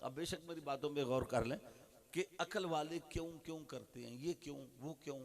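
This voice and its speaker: High-pitched preacher with a Pakistani Urdu accent. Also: male voice, a little fast. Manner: swings from hushed asides to loud rhythmic refrains. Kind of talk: sermon.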